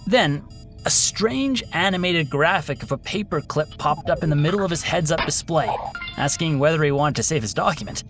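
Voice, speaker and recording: A male narrator with a slightly higher-than-average voice and a gravelly texture. He tells a scripted sci-fi story and its background in a measured, dramatic way, with music clearly audible under his voice. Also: lively intonation, fairly bright tone.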